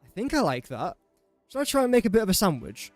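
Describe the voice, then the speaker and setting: A high-pitched young English streamer talks fast and very animatedly over soft background music, with no room sound. He gives casual live commentary on a building game, addressing the pieces he places with self-deprecating remarks.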